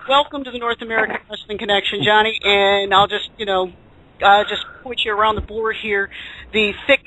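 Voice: mid-range voice, fairly even intonation, a little fast, pushed and bright, low-quality recording. A host of a live group talk show, chatting and introducing people with a showman's flourish.

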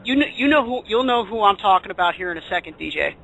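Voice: medium pitch, animated, fast talker, creaky, bright, forceful tone, rough recording. A host of a live group talk show, chatting and introducing people with a showman's flourish.

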